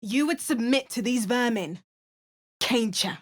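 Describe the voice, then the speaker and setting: A fairly high-pitched, expressive woman speaks at a measured pace. She voices the player character in a video game, a wry and resolute female adventurer who narrates and makes dry, understated remarks.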